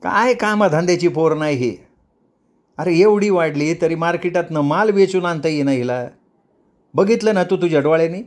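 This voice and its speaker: Man putting on a shrill old slum woman, nagging. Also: moderate pace, lightly acted. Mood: scolding.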